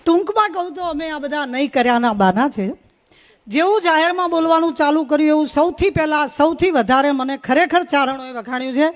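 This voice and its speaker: Woman, high pitch, humorous speech, rhythmic folksy storytelling. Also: a little fast. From North Gujarat. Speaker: invited speaker at a folk gathering. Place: village gathering on stage.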